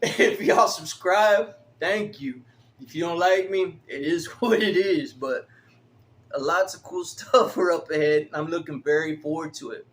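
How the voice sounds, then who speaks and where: A man's voice: fairly high pitch, a little slow. Profane, laughing man in his forties. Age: 40s. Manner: profane, laughs often, animated storytelling. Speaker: vlogger. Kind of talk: rambling casual monologue.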